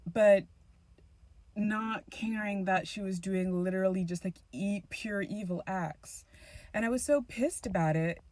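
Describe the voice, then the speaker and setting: A woman's voice: medium pitch, unhurried, a little mellow, dry recording. Rambling woman telling a story. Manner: rambling, full of fillers and restarts. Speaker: tarot channel host. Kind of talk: casual storytelling to camera.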